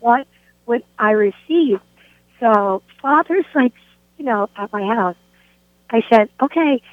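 A woman sharing her personal faith testimony, animated as she acts out what people said to her. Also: on the high side, no room sound. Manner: animated storytelling, acts out quoted speech. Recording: tinny phone line, dry.

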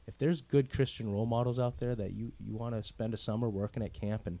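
A man's voice: mid-range voice, steady tone, quick pace, mellow, low-quality recording. A man speaking as a guest in a conversational radio interview, representing an organisation.

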